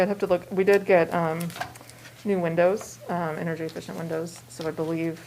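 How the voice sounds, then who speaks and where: A woman's voice: deep voice, vocal fry. An American woman speaking through a face mask, slightly muffled, answering questions as a staff member at a public meeting. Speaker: library staff presenting a budget. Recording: muffled by mask, faint room noise.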